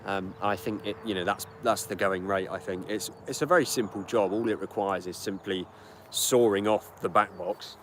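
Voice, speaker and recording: A man's voice: on the low side, steady tone, normal speed. A British man in his twenties, chatting casually through a live-stream Q&A beside his car and answering viewer questions. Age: 20s. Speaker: channel host. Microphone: camera on a tripod. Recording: outdoor street and engine noise. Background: car engine and outdoor ambience.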